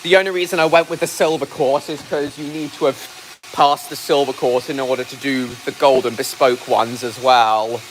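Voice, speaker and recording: A man's voice: mid-range voice, steady tone, moderate pace, low-quality recording. A man doing a casual live stream outdoors, raising his voice and often repeating himself as he goes. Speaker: livestreamer, train enthusiast. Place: outdoors at a heritage railway engine. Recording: loud engine noise behind voice. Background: steam engine noise.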